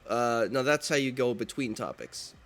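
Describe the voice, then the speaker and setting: At a moderate pace, a male podcast co-host speaks in a medium-pitched, somewhat bright voice. He's chatting informally and rambling, with lots of filler words and restarts.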